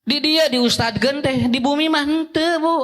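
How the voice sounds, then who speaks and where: A middle-aged male preacher with a Sundanese accent addresses parents in a sermon. He switches into short acted-out exchanges between parents and children, keeping the delivery animated. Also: very high-pitched, moderate pace.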